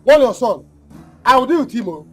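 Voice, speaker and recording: A man's voice: extremely high pitch, very animated, a little fast, fairly bright tone, slightly rough, soft background music, exaggerated voice. A Nigerian man acting a defiant, hot-headed village brother in a film drama, belligerent and repeating his threats. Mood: defiant, threatening.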